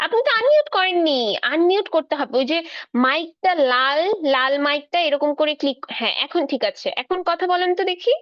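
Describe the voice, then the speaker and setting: High-voiced patient woman teacher on a call. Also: expressive, no echo, dull audio. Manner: patient, coaxing, switches between Bengali and slow English. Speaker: spoken English teacher. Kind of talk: online class with children. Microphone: video call.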